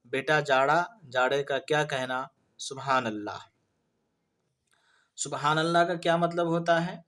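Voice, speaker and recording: A man's voice: fairly high pitch, fairly bright tone. A male Urdu teacher explaining vocabulary for an exam. He poses questions and then answers them himself. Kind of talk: vocabulary lesson for exam prep.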